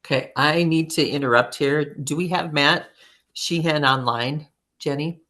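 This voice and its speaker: A meeting chair, brisk and friendly, interrupting to bring in and introduce a guest speaker. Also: mid-range voice, sharp tone.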